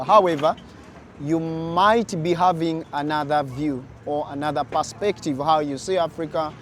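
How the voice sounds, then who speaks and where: A young man from Uganda speaks to his viewers at a very slow, deliberate pace, his voice sitting a little high. He sounds earnest and direct, recorded outdoors with faint street noise behind him. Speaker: vlogger. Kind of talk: casual talk to camera.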